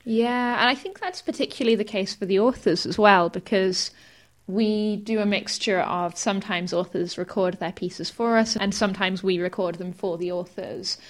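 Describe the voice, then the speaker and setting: A woman podcast host and editor who explains things in an easy, gently self-mocking way. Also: mid-range voice. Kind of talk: casual podcast chat.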